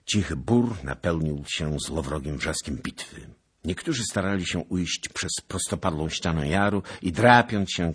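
A man narrates a historical novel in a very deep, husky voice. He reads slowly, with wide swings of intonation that give the story drama. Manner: dramatic, expressive reading.

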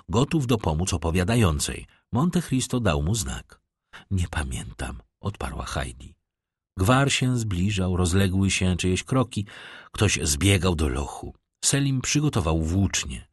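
A man reading a classic novel aloud as an audiobook narrator, with expressive, dramatic storytelling. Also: low-pitched, husky, no room sound, studio quality.

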